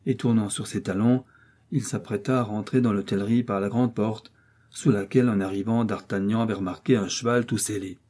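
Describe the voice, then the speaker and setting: Husky-voiced male audiobook narrator. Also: on the low side, steady tone, a little fast, warm tone. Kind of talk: classic novel audiobook narration.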